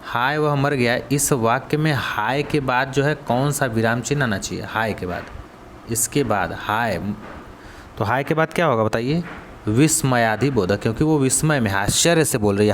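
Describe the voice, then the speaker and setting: A man with a Hindi accent and an ordinary mid-pitched voice works through exam questions for a coaching class. He poses each question, waits, then repeats the answer, over a faint background hiss. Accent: Hindi, Varanasi region. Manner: asks students then answers, repeats key words. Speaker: coaching teacher.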